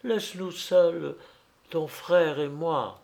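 A man voicing a gentle mother who speaks softly and tenderly. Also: on the high side, slow pace, creaky, voice pushed up. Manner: soft, tender.

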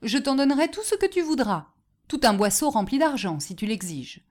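A woman's voice: high-pitched, big pitch swings, normal speed, a little mellow, pitched above the performer's own voice. A woman voicing a frightened, superstitious peasant farmer who blurts fearful exclamations. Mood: pleading.

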